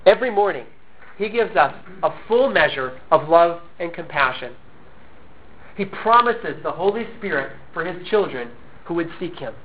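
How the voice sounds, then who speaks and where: A man preaching a sermon as pastor, earnest and measured, asking questions and answering them himself. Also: high voice. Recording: tinny phone-like audio.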